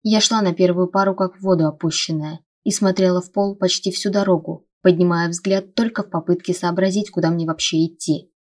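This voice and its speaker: A woman narrating a first-person fantasy audiobook in a steady storytelling read. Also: on the low side, fairly quick, hardly any pauses.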